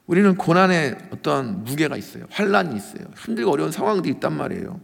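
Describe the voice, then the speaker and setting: A male pastor preaching a sermon with passion, swinging from loud cries to hushed asides. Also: on the high side, big pitch swings, quick pace, gravelly, slightly rough. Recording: long reverb of a large hall.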